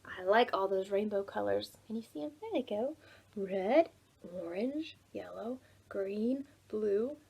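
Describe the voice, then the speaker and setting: Leading preschool storytime, a woman librarian reads to small children and guides action rhymes with animated, singsong exaggeration. Her medium-pitched voice is creaky and husky, and she speaks a little slowly.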